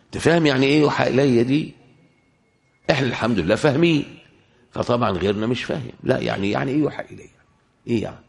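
A man with an Egyptian Arabic accent giving a religious lecture, firing rhetorical questions at listeners and slowing down to recite verses. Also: medium pitch, creaky. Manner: rhetorical questions, shifts into slow Quran recitation. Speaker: preacher.

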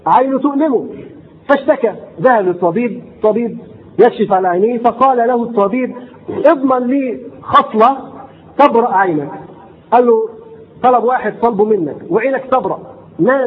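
High-voiced Egyptian preacher over a tinny line. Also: male voice. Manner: explains classical quotes in colloquial asides, repeating them. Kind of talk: sermon. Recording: tinny phone-like recording, faint noise.

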